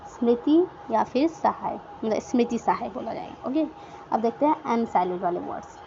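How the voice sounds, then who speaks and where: Woman teacher, higher voice, patient letter-by-letter explainer, dull lo-fi recording. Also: animated, moderate pace, creaky, mellow. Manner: asks questions and answers them herself; spells words out letter by letter. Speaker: English grammar teacher. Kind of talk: classroom lesson explaining words. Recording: dull lo-fi recording with faint noise.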